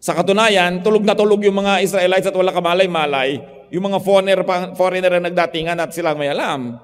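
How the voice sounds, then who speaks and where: A man's voice: high-pitched, a little fast, smooth. Preaching man in a reverberant hall. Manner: preaching in Tagalog mixed with English, swinging from soft to emphatic. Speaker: pastor. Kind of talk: sermon.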